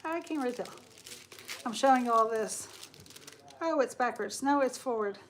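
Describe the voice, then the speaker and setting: This craft livestream host, a woman in her 40s, has a fairly high-pitched voice with lively intonation and normal speed, against slight background noise. She chats casually with viewers as she crafts, talking to them and reading their comments aloud.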